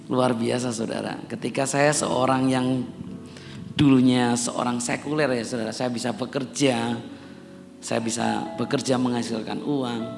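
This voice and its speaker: A middle-aged pastor from Java, Indonesia, preaches to his congregation in a church hall, addressing them again and again and building to emphatic peaks. His voice is medium-pitched and creaky, with long church reverb and a faint instrument behind.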